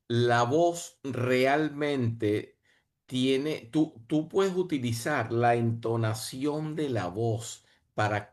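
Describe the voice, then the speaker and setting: A man answering a panel question in an earnest way, often repeating and restarting his phrases, over a video call. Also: medium pitch. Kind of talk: reflective answer in an online panel.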